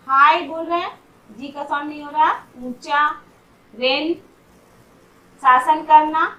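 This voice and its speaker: A woman teaching English pronunciation in a slow lesson, saying each word slowly and then giving its meaning. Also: high-pitched, bright, forceful tone, reverberant, far from the mic, poor audio.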